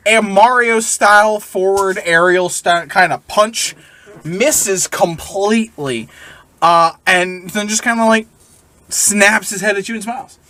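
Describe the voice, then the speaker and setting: A man's voice: high voice, sharp tone. Laughing male game master. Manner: laughing often, quick asides. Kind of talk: narrating a tabletop game.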